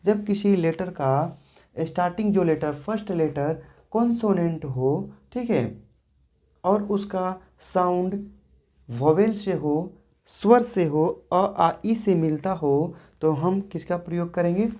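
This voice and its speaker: A woman's voice: lowish voice, takes it slowly, warm tone. A woman teaching English grammar in a classroom lesson, asking questions and answering them herself, often checking with "theek hai". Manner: explains patiently, asks and answers her own questions.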